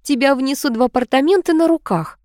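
A woman's voice: high-pitched, brisk, darkish tone, dry recording, clean studio sound, pitched above the performer's own voice, natural voice. A woman doing a gracious older society lady. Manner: mentoring, gracious.

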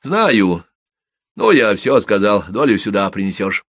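A man voicing a rough, hoarse drunk criminal watchman who talks in coarse slang. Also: on the low side, very animated, unhurried, fairly bright tone, no room sound, heavily acted. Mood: gruff.

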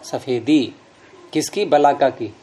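Man patiently explaining grammar, mellow tone. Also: medium pitch, slow. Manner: patient, step-by-step explaining, repeats key terms. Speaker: Sanskrit grammar teacher. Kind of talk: explaining grammar rules with examples.

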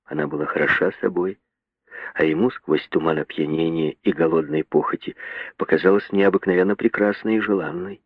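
A man reading a novel aloud as narrator, in an expressive, dramatic way. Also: low-pitched, brisk, slightly rough, no room sound. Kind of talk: audiobook reading. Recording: dry tinny phone-like sound.

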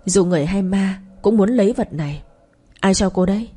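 A woman voicing a shrewd, calm young woman who answers curtly. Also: mid-range voice, brisk, breathy edge, close to an everyday voice. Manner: curt, cool.

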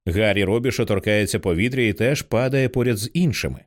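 A man's voice: on the low side, fast talker. A man reading a horror screenplay aloud as an audiobook, voicing the quoted lines with a lifted voice. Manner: lively, raising his voice for quoted lines. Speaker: audiobook narrator.

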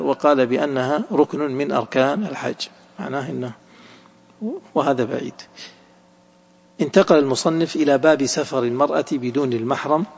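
A man with a gravelly, creaky voice teaches a religious lesson. He explains the text point by point and keeps asking his listeners whether it is clear. The recording is muffled and carries a long hall reverb. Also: mid-range voice. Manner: explanatory, asks the listeners rhetorical questions to check understanding. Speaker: Islamic scholar teaching hadith.

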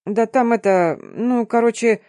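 A woman's voice: fairly high pitch, unhurried, warm tone, no room sound, clean studio sound, close to an everyday voice. A woman voicing a brash, blunt young woman in an audiobook, a friend who takes charge. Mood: brusque.

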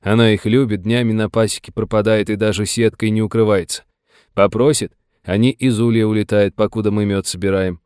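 A man voicing a gruff older Russian settler with a folksy, blunt, scolding manner. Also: lowish voice, steady tone, a little fast, a little mellow, dry recording, studio quality, natural voice. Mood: earnest.

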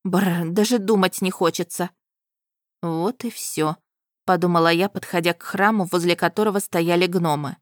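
A woman's voice: fairly low pitch, fairly even intonation, fairly quick, few pauses, no echo, clean studio sound. Wry woman narrating a story. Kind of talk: first-person story narration.

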